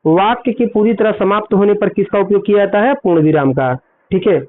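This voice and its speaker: High-voiced man teaching grammar, tinny. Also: fairly quick, slight background noise. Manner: explanatory, repeats points and asks then answers quiz questions. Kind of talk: exam-prep grammar lesson. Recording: tinny phone-like audio.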